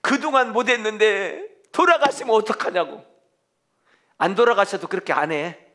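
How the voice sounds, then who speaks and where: A man's voice: high voice, lively intonation, moderate pace, fairly bright tone. A man preaching a fervent sermon as pastor, firing rhetorical questions at the congregation. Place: church.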